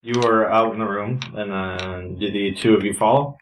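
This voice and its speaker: A man's voice: fairly low pitch, fairly even intonation, normal speed, a little hiss or hum, rough recording. A man narrating as the dungeon master of a tabletop game, stumbling on his words and laughing often.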